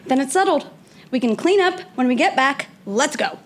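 A woman's voice: sits high, expressive, moderate pace, a little hiss or hum. A young woman playing a bold, teasing teenage city girl in a naturalistic drama.

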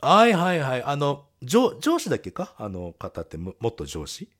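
This podcast co-host has a mid-range voice and talks at normal speed. Chatting casually, he spins lively stories and breaks into laughter frequently.

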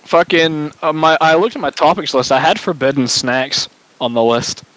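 A man's voice: on the high side, normal speed, fairly bright tone, no room sound, low-quality recording. A young man co-hosting a casual streamed chat, joking and swearing playfully. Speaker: podcast co-host.

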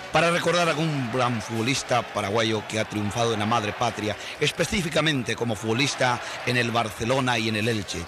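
A man voicing a pompous radio announcer broadcasting from Madrid, speaking slowly, with a put-on Spanish accent. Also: medium pitch, voice pushed down, lightly acted. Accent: put-on Spanish (Spain). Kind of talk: comic mock radio broadcast.

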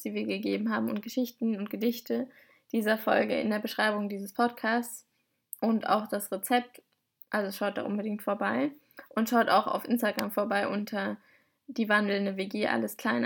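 A woman podcast host reading a novel excerpt aloud, then chatting in a relaxed way with listeners. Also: mid-range voice, gravelly.

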